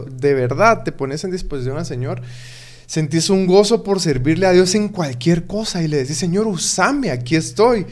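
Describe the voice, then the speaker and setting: A man talking in an earnest, preaching way during a casual faith conversation. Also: a little high.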